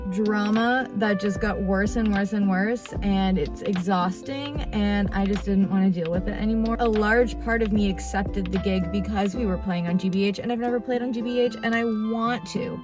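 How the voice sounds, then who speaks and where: A woman spilling gossip in a casual, confiding vlog manner, with dramatic emphasis. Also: medium pitch. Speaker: vlogger, freelance musician.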